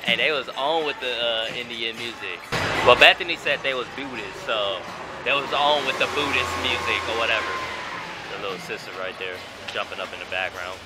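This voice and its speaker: A man's voice: medium pitch, fairly quick, over loud music, rough recording. A young man in a casual road-trip vlog, talking loosely in slang to a handheld camera in a car and on the street. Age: young adult. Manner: loose slangy talk with frequent laughs. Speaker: vlogger. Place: car, gas station and city streets outdoors. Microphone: handheld camera at arm's length. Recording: street and car noise behind.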